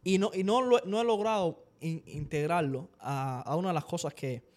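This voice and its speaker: A man chatting casually on a podcast, talking quickly and dropping English words into his Spanish. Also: on the high side. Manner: fast, energetic talk sprinkled with English words. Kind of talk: casual chat.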